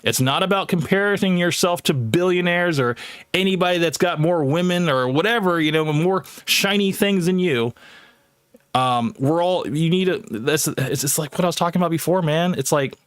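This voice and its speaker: A man's voice: on the high side, normal speed, smooth, no room sound. Blunt opinionated man, dry mic. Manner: blunt, opinionated, repeats himself. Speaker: debater. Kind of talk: live online debate.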